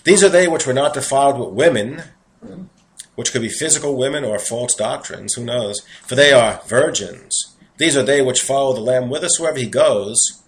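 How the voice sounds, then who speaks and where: At a moderate pace and medium pitch, a New York-accented man delivers a sermon, alternating scripture readings with earnest, conversational asides. The recording is of low quality.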